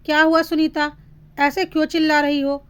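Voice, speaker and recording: A woman voicing a bitter young daughter-in-law who speaks in a calm, coldly sarcastic way. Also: high-pitched, moderate pace.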